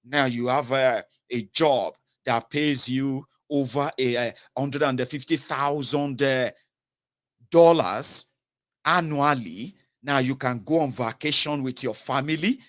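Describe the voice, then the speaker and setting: A Nigerian man in his thirties with a southern Nigerian accent speaks straight to the camera in emphatic political commentary. He questions the viewer directly and slips into pidgin phrases. His voice is medium-pitched, slow and fairly bright.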